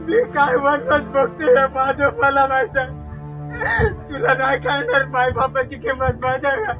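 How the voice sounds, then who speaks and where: A man's voice: very high-pitched, animated, brisk, muffled recording. A young man playing a grieving farmer's son. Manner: bitter, emotional. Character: young farmer's son mourning his hanged father. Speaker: actor. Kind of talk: short film acting. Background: film music.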